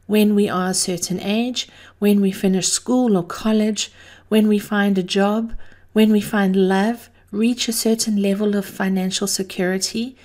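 Woman with a mellow, gentle reflective delivery. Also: mid-range voice. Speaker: host of a daily encouragement podcast. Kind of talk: scripted inspirational narration.

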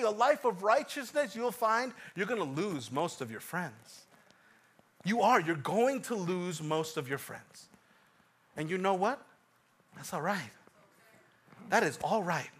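A pastor in his thirties from Ecuador preaching a sermon, swinging from hushed asides to loud emphatic lines and repeating phrases for weight. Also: sits high, lively intonation, unhurried, breathy edge.

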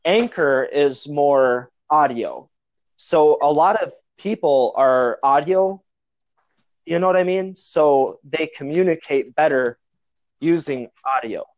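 A man's voice: fairly high pitch, slow. An American man chatting casually in a blunt, enthusiastic and emphatic way. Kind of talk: casual chat. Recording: dull lo-fi app call audio.

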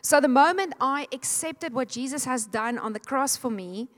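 A woman's voice: sits high, moderate pace. A middle-aged woman, preaching a fervent sermon and urging the congregation to answer back. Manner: fervent, exhorting, leads the congregation in call and response. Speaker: pastor. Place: church sanctuary. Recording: long hall reverb.

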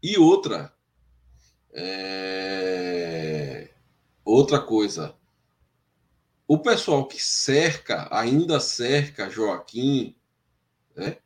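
A man's voice: lowish voice, sing-song, extremely slow, long pauses. A man, commenting on a fan football debate show, hesitant and searching for words, sharply critical.

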